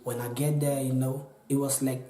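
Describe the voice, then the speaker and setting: Man, 20s, Liberian accent, pleading, repetitive, dark tone, echoey room. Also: mid-range voice, level tone, normal speed, slight background noise. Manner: pleading, repetitive, restarts often. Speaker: interviewee. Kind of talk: earnest personal account.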